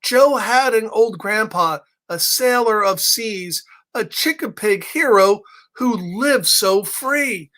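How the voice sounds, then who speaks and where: Slow and sharp-toned, a man's high voice carries a children's storytime livestream. He reads a story and chats playfully, speaking directly to the young listeners.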